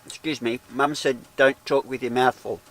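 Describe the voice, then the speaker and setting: A man's voice: mid-range voice, flat delivery, normal speed, a little hiss or hum. A man, chatting casually to the camera inside a small tent with a wood stove and rambling in self-deprecating asides. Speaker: outdoor vlogger. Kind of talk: casual solo vlog commentary.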